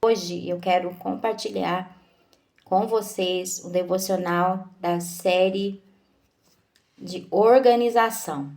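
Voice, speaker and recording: A woman giving a devotional talk, slow and measured, asking her listeners questions. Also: on the low side, steady tone, a little mellow.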